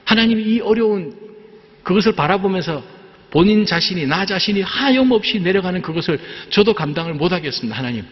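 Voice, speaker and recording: A worn-out older prophet pleads to be let go, his voice lifted high and strained with despair, as a preacher acts him out. The sound is dull and rings through a large echoey hall. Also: expressive, a little fast. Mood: pleading. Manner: pleading, raised pitch.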